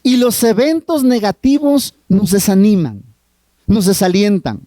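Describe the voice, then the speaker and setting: Mexican man, high voice, mellow tone, earnest sermon, slow phrasing, questions to the crowd. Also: expressive, no room sound. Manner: earnest, drawn-out phrasing with direct questions to the audience. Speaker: family therapist speaking at a marriage retreat.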